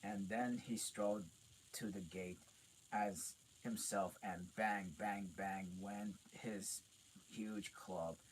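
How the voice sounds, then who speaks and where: A man reading a novel aloud, halting and stumbling over words with frequent restarts. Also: low voice, a little hiss or hum, rough recording. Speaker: reader.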